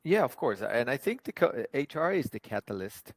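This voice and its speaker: A man's voice: mid-range voice, very animated, moderate pace, slightly rough, no echo. A man from Argentina, talking earnestly as a guest about his working life. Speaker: podcast guest, HR professional. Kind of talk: conversational interview.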